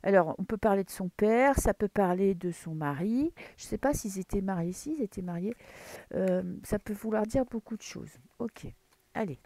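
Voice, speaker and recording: Animated and moderately paced, this French-accented tarot reader has a mid-range, dark-toned voice with no room sound. She chats casually over the cards, rambling with fillers and restarts in a dim room at home in the early morning.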